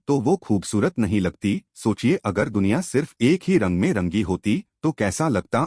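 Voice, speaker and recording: A low, husky male voice narrates a book summary, talking straight to the listener and posing questions. His pitch moves up and down freely, and the recording is dry and close. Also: a little mellow, no echo. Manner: explanatory, addresses listener directly with questions.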